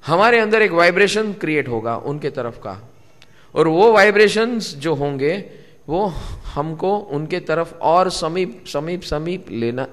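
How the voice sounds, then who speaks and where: Male spiritual teacher, slightly high voice, slow deliberate sermon, questions to audience, long hall reverb. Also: a bit bright. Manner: repeats key words, asks the audience questions. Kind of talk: spiritual discourse to a live gathering.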